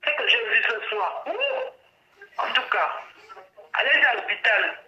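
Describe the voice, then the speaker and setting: A woman's voice: on the high side, animated, unhurried. Woman, Gabonese French accent, outraged, emphatic, muffled speakerphone, echoey. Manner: outraged, emphatic, repeats herself. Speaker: caller recounting a fight. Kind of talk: indignant phone testimony. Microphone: phone on speakerphone.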